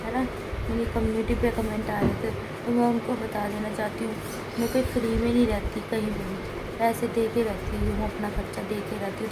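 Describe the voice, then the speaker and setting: A woman from India vlogging casually at home, unwell and in pain, talking in a plain, complaining, straight-talking way. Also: fairly high pitch. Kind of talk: casual home vlog talk. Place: home room with air conditioner running. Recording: noisy room, air conditioner hum.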